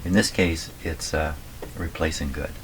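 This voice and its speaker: At his workbench in a radio repair workshop, a video host mutters to himself while working, reading out settings slowly and on purpose. His voice is very low, slightly hoarse, steady, and unhurried. The recording is clearly noisy, with clicks throughout.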